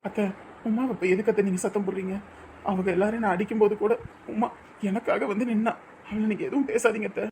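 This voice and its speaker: Earnest young groom, soft earnest voice, faint background noise. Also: male voice, high voice, steady tone, quick pace. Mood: defensive. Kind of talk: TV drama acting.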